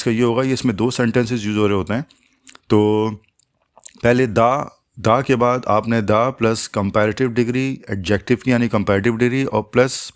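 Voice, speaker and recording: A man teaching an English grammar lesson, explaining patiently step by step and slowing down to spell out each English example. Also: medium pitch.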